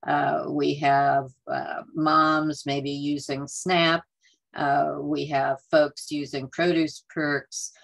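Low-voiced woman presenting a webinar. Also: level tone, drawn-out words, vocal fry, rough recording. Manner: frequent fillers, conversational and earnest. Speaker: workshop presenter. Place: home or office on a video call. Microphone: computer mic on a video call.

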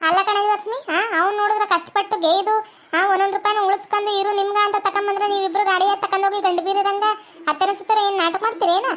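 A bossy, scolding village woman, as a woman voices her in a cartoon comedy, with a North Karnataka accent. Her voice is very high and squeaky, and she lectures quickly. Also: steady tone, a bit bright, slight background noise. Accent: North Karnataka Kannada.

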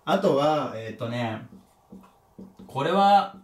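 A man's voice: medium pitch, expressive, takes it slowly, darkish tone. A male teacher giving a casual lecture, thinking aloud and correcting himself as he goes. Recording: echoey room, mic at a distance.

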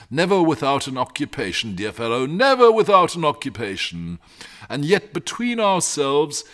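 In a storybook reading, a man plays a lazy, genial male dragon who talks a lot, rambling in fussy, old-fashioned gentlemanly phrasing. His voice is mid-range and pushed up.

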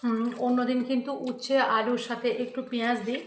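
A woman talks casually to her viewers about the meal and calls them friends. Her voice sits a little high. The recording is echoey, with a faint hiss underneath. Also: level tone, fast. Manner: chatty, addressing viewers as friends. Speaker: cooking and food vlog host. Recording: echoey room, faint noise.

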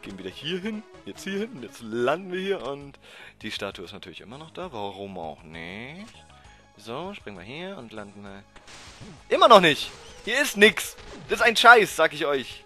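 A man commentating a blind playthrough of a video game, excitable and prone to frustrated outbursts and swearing. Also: mid-range voice, normal speed, soft background music. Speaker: let's player. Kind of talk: blind let's play commentary.

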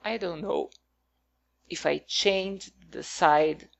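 Speaking slowly in a lowish, creaky voice, a non-native English speaker chats casually while showing her game build. Her talk is hesitant and meandering, packed with fillers.

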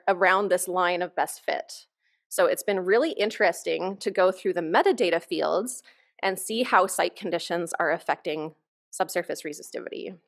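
Woman, researcher, conference presentation on stage, lectern mic, enthusiastic, informal. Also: lowish voice. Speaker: conference keynote speaker, researcher.

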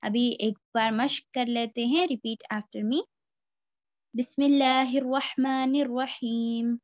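A woman teaching Quran reading step by step, switching between Hindi-Urdu and English phrases and reciting letter sounds slowly for her students to repeat. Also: a little high, no echo. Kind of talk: slow step-by-step lesson. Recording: dry, dull lo-fi recording.

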